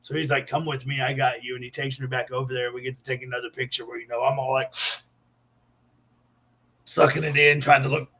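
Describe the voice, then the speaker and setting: A man's voice: mid-range voice, flat delivery, a little fast, pauses often, sharp tone. A man guesting on an interview show, telling blunt, brash stories about his acting work and laughing as he goes. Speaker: actor guest. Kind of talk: casual interview storytelling.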